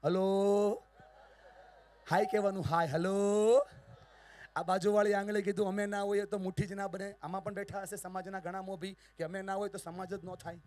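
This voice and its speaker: Animated Gujarati man leading a crowd. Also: high-pitched, normal speed, slight background noise. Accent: Gujarati, Surat. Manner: theatrical, call-and-response with the audience, big swings in loudness. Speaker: motivational speaker. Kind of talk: motivational speech to a family gathering. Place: large hall with a live audience.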